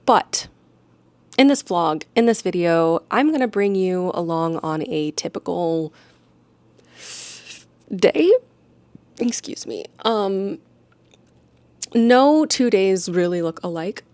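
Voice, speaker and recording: A woman's voice: lowish voice, lively intonation, slow pace, long pauses, a little mellow, no echo. A young woman, an audiobook narrator, chatting in a casual, rambling, self-deprecating way at home. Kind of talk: casual vlog chat. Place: home living room.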